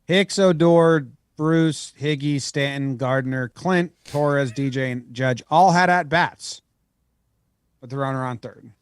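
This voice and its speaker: A man's voice: mid-range voice, takes it slowly, smooth, no echo, clean studio sound. A man co-hosting a podcast, chatting casually and playfully about baseball. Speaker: podcast co-host. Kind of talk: casual sports chat.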